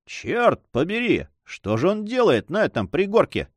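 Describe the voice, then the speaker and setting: A man's voice: sits high, huge pitch swings, measured pace, no echo, voice pushed up, heavily acted. A man voicing a rash, hot-tempered young nobleman who speaks eagerly and impulsively.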